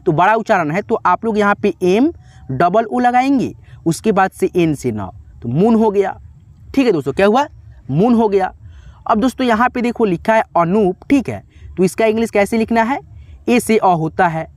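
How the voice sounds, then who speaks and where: Man, high voice, dry close sound, patient spelling lesson. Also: no echo. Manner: patient, repetitive teaching, frequent "theek hai". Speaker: English teacher.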